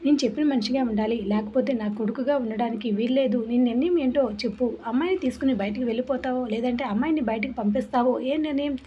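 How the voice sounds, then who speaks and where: A woman's voice: a little high, quick pace, hardly any pauses, natural voice. A woman voicing a stern politician father. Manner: scolding, demanding questions. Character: stern middle-aged male politician father. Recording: muffled lo-fi with faint hiss.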